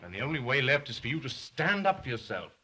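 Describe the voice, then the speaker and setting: A man's voice: medium pitch, big pitch swings, fast, pushed and bright, husky, exaggerated voice. An actor playing a supportive male friend, emphatic and urging, in a 1930s film melodrama. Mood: urging, firm.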